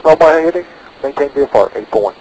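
Over the drone of the engine on a noisy cockpit intercom, a private pilot makes radio calls and briefs himself through checks in short phrases. He speaks quickly and expressively in a slightly high voice, using an aviation headset inside a small propeller plane in flight.

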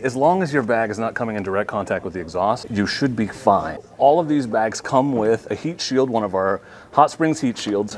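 A man in his thirties presenting products in a relaxed, friendly walkthrough in a large indoor showroom. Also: fairly low pitch. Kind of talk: product demonstration.

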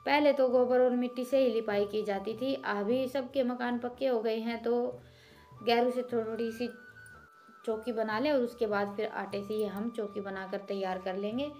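Over soft background music, a fairly high-pitched woman in her thirties from Haryana, India, talks at a moderate pace with a darkish tone and fairly even intonation. As a village cooking vlogger, she gives a homely, chatty voice-over explaining each step.

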